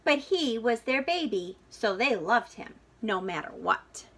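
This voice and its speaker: A woman reads a children's picture book aloud in a teacherly way, her phrasing expressive, deliberate and dramatic for young listeners. Her voice is on the high side with a breathy edge.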